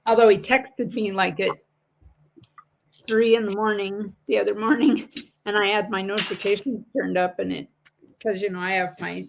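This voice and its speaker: Gravelly-voiced woman chatting on a coin stream. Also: mid-range voice, fairly even intonation, moderate pace, noisy background. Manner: chatty, laughs easily, rambling asides. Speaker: livestream coin seller. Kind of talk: casual livestream chat.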